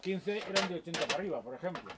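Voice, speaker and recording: Un hombre mayor con acento de España, cliente charlando de forma entrecortada, repitiendo palabras y subiendo la voz al alterarse. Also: male voice, a little high, lively intonation. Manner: halting, repeats words, grows loud when worked up. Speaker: customer. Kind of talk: casual chat. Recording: distant, echoey, loud background noise.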